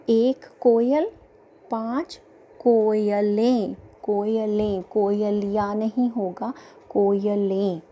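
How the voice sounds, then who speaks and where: A woman teaching a children's grammar lesson, slowly repeating each word pair and asking and answering her own questions, mixing English words into her speech. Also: medium pitch, dark tone.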